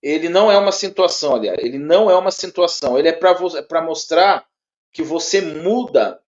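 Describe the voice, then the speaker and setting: A man's voice: on the high side, a little mellow. A man with a Brazilian Portuguese accent gives a one-on-one lesson in a slightly raised voice. He restarts phrases, repeats words and keeps asking whether the listener follows. The recording sounds dull and lo-fi. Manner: halting, repeats words, checks in often with tags. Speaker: teacher.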